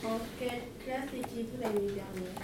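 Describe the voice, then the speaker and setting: Woman asking short questions, far from the mic, roomy echo, clear background noise. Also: on the high side, normal speed. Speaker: interviewer. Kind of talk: interview questions. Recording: echoey room, distant mic, noise.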